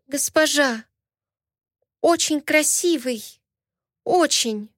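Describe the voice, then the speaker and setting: A woman playing a quiet accented maid in a storybook, halting broken speech. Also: high voice, no room sound, clean studio sound, pitched above the performer's own voice. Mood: timid. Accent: foreign.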